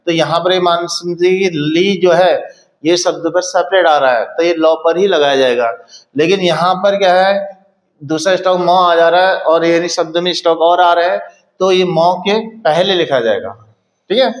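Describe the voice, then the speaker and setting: A man teaching a shorthand lesson in speech, explaining step by step and often pausing to check understanding. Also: high voice, echoey room. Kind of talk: classroom lesson.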